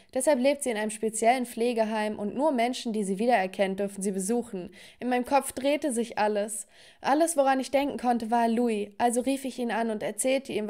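A young woman narrating a dramatic first-person story for an animated video. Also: fairly high pitch.

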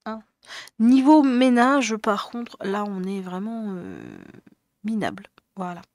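Speaking slowly but very animatedly, a woman in her thirties vlogs casually from her bedroom desk through a headset mic. Her medium-pitched voice has a darkish tone, and she rambles with frequent fillers and restarts.

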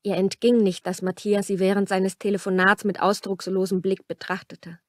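A woman narrating a romance novel at a measured, restrained pace, her voice in a middle range. The recording is dry and close, with no room echo. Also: mid-range voice, flat delivery. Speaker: audiobook narrator. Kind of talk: scripted narration.

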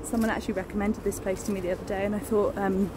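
Rapid-fire and flat, a medium-pitched woman in her thirties talks enthusiastically, with many fillers, into a phone at arm's length while filming her walk through woodland and along a beach. She's a nature vlogger making a casual walking vlog. Noise from distant planes and the outdoors fills the phone recording.

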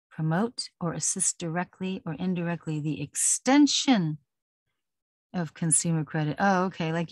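A woman's voice: fairly low pitch, no echo, clean studio sound. A middle-aged woman talking casually and rambling, laughing now and then. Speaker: vlogger. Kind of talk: casual personal talk.

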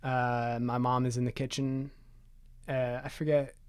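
A man's voice: medium pitch, little pitch movement, measured pace, smooth, dry recording, clean studio sound. A man in his twenties from Maryland, a podcast guest, telling personal stories in a chatty way full of "like" fillers and self-deprecating jokes. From Maryland, USA. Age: 20s. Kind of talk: casual conversational storytelling.

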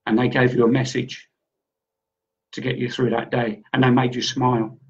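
Brief: male psychic co-host, average pitch, rambling, repetitive, dull lo-fi sound. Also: little pitch movement, moderate pace. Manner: rambling, repeats himself often. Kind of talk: casual spiritual reading. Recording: dull lo-fi audio.

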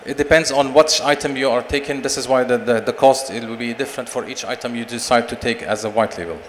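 Speaking fast into a handheld mic, a forties-aged managing director delivers a sales presentation and Q&A in a big expo hall, full of fillers and restarts. Long hall reverb and faint noise are audible.

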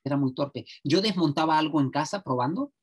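A middle-aged man leads a workshop for parents. He talks in a lively way and keeps checking that the room is following him. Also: fairly high pitch, brisk, breathy edge. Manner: lively, checks in often with "¿vale?". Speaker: social educator.

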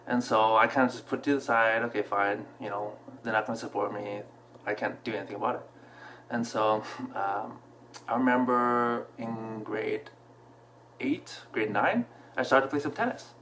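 Relaxed man telling a story to camera. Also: on the low side, moderate pace, slight background noise. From Canada. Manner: relaxed, reflective, with frequent fillers and restarts. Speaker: vlogger. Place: small room at home, indoors. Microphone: camera in front at desk distance.

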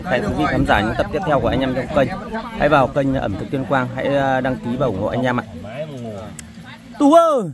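A man's voice: medium pitch, steady tone, fast talker. A man from Vietnam presenting dishes for his food channel, hesitant with many filler sounds, at an outdoor gathering. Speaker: channel host. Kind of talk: casual food vlog presenting. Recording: crowded outdoor meal with music. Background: music and loud chatter.

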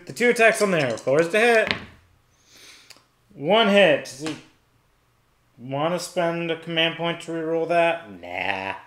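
Against slight background noise in an echoey room, a man with a fairly high, fairly bright voice narrates a solo tabletop wargame. It's a casual play-by-play, with each dice roll called out step by step as he thinks aloud.

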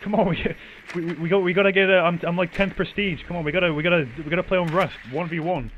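A man livestreaming a game in casual chat, sarcastic and sweary, going from calm to worked-up, mock-angry ranting. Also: sits high, quick pace, lo-fi sound, slight background noise.

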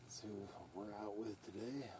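A man's voice: fairly low pitch, steady tone, unhurried, dark tone, slight background noise. A young man from Idaho hosting a casual fishing vlog by a lake, laid-back, laughing and swearing as he talks. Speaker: channel host. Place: outdoors by a lake and in a truck.

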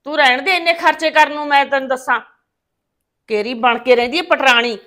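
Brief: woman as a domineering mother-in-law, high, bright, scolding voice. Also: fairly even intonation. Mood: berating. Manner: scolding, mocking, quick to insult. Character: sharp-tongued, bossy village mother-in-law.

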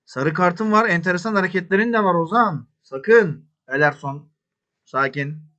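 A man hosting a football management game, muttering to himself and then shouting cheers at his players, some in English. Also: high voice, normal speed, lo-fi sound. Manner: talks to himself, swinging from mutters to yells. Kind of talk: excitable gameplay commentary.

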